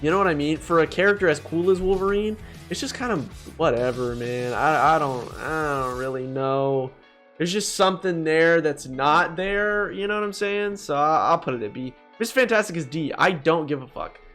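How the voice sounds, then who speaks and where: Music plays behind a man with a fairly high, fairly bright voice speaking at normal speed. As the gaming video's host, he ranks things in a casual, slangy, blunt way and keeps addressing viewers as bro.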